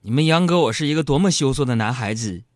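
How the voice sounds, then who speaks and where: A man's voice: mid-range voice, lively intonation, fast, no room sound. A man hosting a radio show, telling comic self-mocking stories into a studio microphone. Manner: joking, self-mocking, acts out quoted voices. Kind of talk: comic storytelling monologue.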